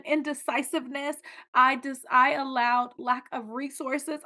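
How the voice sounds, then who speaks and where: High-voiced woman hosting a podcast. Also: a bit bright. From California, USA. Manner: fervent, faith-filled, talks to listeners as y'all. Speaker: podcast host. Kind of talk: emotional celebratory monologue.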